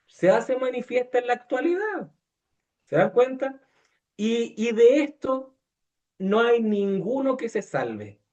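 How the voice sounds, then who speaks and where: In a very high-pitched, slightly mellow voice, a man gives a conversational sermon riddled with fillers and restarts. He often turns to ask his listeners questions and performs the voices of those he quotes.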